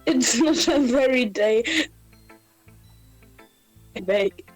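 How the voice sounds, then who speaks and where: A German woman reading as a prickly, proud teenage girl in a fan-made visual novel, her voice high and her delivery slow and sassy with a clear German accent. Faint game music plays behind her. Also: lively intonation, low-quality recording. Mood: huffy.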